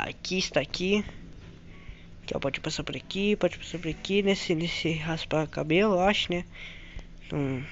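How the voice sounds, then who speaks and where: A man with a Brazilian Portuguese accent doing let's-play commentary, excitably narrating his own moves to viewers and repeating phrases over and over. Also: a little high, dull audio, a little hiss or hum. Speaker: gaming channel host.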